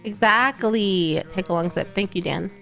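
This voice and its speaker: Soft music sits behind a young woman from Texas who streams and chats with her viewers at normal speed. Her mid-range voice is creaky, a bit bright, congested and nasal, and she rambles while correcting herself.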